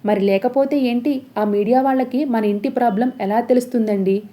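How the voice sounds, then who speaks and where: A woman's voice: a little high, fairly quick, warm tone, lightly acted. Woman voicing a scheming sly schemer. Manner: defensive, sly. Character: scheming middle-aged woman villain.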